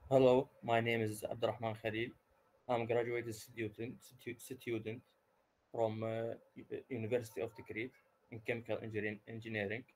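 A man's voice: mid-range voice, flat delivery, normal speed, rough recording. A man from Iraq, a native Arabic speaker and chemical engineering graduate, introducing himself hesitantly on a video call. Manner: hesitant, restarts words. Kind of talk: self-introduction.

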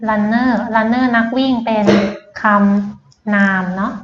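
A woman's voice: fairly high pitch, fairly even intonation, slow pace, background noise. A woman tutor giving a patient lesson, quizzing her student step by step and mixing English words into her explanations. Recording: roomy, dull lo-fi sound.

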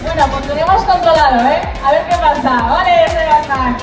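A woman with a Spanish accent from Spain hosting a live outdoor event over loudspeakers, heard from the crowd. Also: high-pitched, moderate pace. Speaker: event announcer. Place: outdoor stage at a street race. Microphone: PA microphone, recorded from the crowd. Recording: echoing PA, loud music and crowd.

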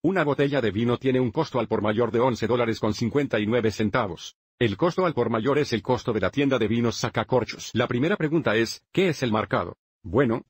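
Male math teacher, steady and methodical, husky voice at a middle pitch. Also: dry recording, clean studio sound. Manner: steady, methodical step-by-step explaining. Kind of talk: dubbed math lesson narration.

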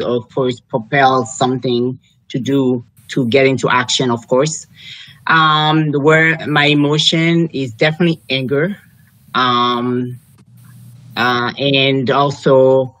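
A man's voice: medium pitch, bright, forceful tone, dry recording, rough recording. A man from Haiti with a Haitian accent, speaking earnestly in a committee video call discussion, often repeating his phrases. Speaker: committee member.

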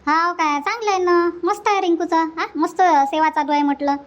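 A woman voices a chatty, teasing village aunt in a comedy cartoon, exclaiming in a Varhadi Marathi accent. Her pitch is extremely high, her tone steady, and her pace fairly quick, fitting cartoon comedy dialogue in a rural dialect.

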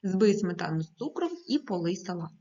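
A woman teaching primary school children in a recorded video lesson, speaking clearly and patiently and giving careful stress to each number as she reads aloud. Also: on the low side, expressive, a little fast, dark tone, dull audio.

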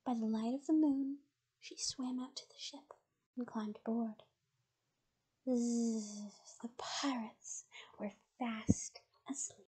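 Soft whispering woman reading a bedtime story. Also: a little high, fairly even intonation, slow pace, husky, low-quality recording.

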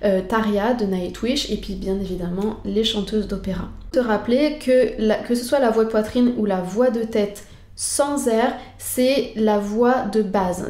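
A woman's voice: a little high, warm tone, roomy sound. A woman singing teacher patiently explaining vocal technique straight to the viewer.

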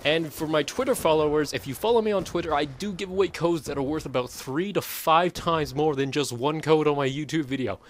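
A man's voice: fairly high pitch, brisk, few pauses. A young man talking through a gaming commentary in a casual, rambling way, full of fillers and self-corrections. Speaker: gaming YouTuber.

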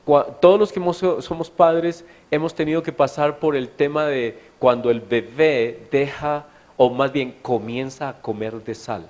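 A man's voice: medium pitch, unhurried, few pauses, darkish tone. A middle-aged Colombian man preaching a sermon in a church meeting hall, telling stories in a chatty way and asking the audience questions. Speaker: pastor.

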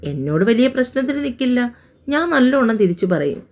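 A woman's voice: a little high, big pitch swings, a little fast, darkish tone, pitched above the performer's own voice. A woman voicing a spirited young nurse.

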